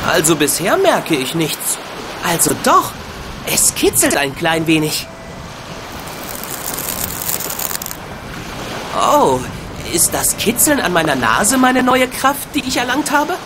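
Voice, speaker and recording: A polite young boy apprentice in a video game. The voice is innocent and eager, with very lively pitch movement, over clear background ambience. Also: measured pace, background noise. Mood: puzzled.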